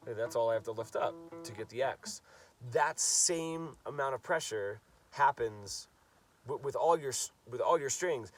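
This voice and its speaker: A guitar coach with a cold-stuffed nose gives a casual lesson, talking loosely and repeating words as he demonstrates. His voice is medium-pitched and he sounds far from the mic.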